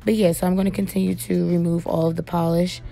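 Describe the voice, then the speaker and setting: A young woman with a hoarse voice and a heavy gravelly rasp narrates a nail tutorial. Her tone is low and mellow as she talks casually and directly to viewers. Faint music plays behind her. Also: little pitch movement, fast. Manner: chatty, addresses viewers as "you guys", frequent "um". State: hoarse, voice cracking. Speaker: nail technician and beauty vlogger.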